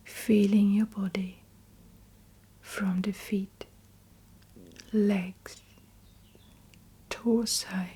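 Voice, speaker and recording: A guided meditation is whispered by a woman, extremely slowly, in a very breathy, soft-edged voice whose pitch barely moves. She lays out short phrases with deliberate care and lets long pauses fall between them.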